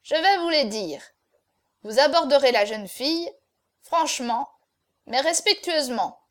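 A woman's voice: high voice, lively intonation, measured pace, a bit bright. A woman playing a curt, commanding hunchback.

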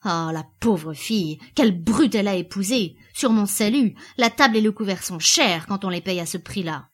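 A woman's voice: mid-range voice, lively intonation, moderate pace, breathy edge. A woman doing a scolding older market woman. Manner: scolding, motherly.

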